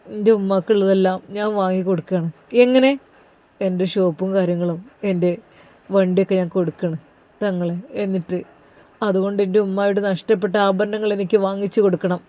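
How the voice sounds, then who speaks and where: Narrator doing an anxious, pious young husband. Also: male voice, high-pitched, fairly even intonation, fairly quick, dark tone, lightly acted. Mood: sorrowful. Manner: earnest, pleading prayers. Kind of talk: storybook narration, inner monologue.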